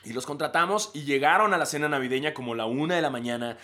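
Talking fast with a fairly high pitch, this man in his thirties hosts a podcast and has a Mexican accent. His storytelling is casual and lively, loaded with slang and frequent laughter.

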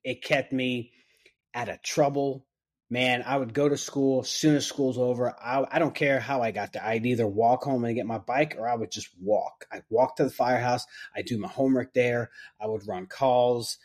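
A firefighter on a podcast, casually telling a story and acting out the lines of the people in it. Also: male voice, mid-range voice, moderate pace. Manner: animated retelling, acting out others' lines.

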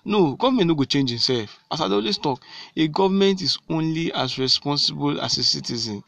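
Gravelly Nigerian man giving civic talk. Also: a little high, animated, fairly quick, a bit bright, no room sound. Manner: rhetorical, repeats key phrases and answers own questions. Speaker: speaker addressing fellow citizens. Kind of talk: direct civic talk in Pidgin to an audience.

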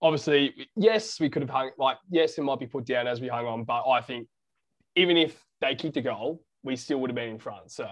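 A man's voice: medium pitch, brisk, fairly bright tone. A young man with an Australian accent chatting casually about sport as a podcast panellist, in a blokey, slangy way.

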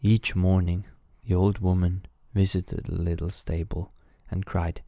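Deep, calm man reading a bedtime story. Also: measured pace, no echo, studio quality.

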